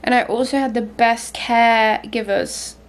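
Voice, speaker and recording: Higher-voiced young woman vlogging indoors. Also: steady tone, measured pace. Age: 20s. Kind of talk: casual vlog talk to camera. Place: living room.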